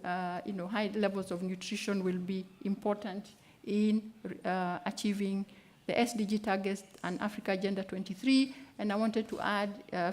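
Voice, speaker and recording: A woman's voice: mid-range voice, darkish tone. A woman presenting a keynote at a conference, speaking with many "uh" fillers and some hurry. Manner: hesitant, many "uh" fillers, rushed. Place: conference hall.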